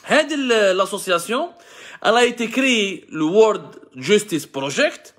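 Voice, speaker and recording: An Algerian man with an Algerian accent hosts a live talk, explaining things to his viewers like a lecturer. He often restarts his sentences and piles up lists. His voice sits fairly high for a man. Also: expressive, moderate pace, a bit bright. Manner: mixes French with Algerian Arabic, many restarts and lists. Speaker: host of a live show. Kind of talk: talking to camera, explaining to viewers.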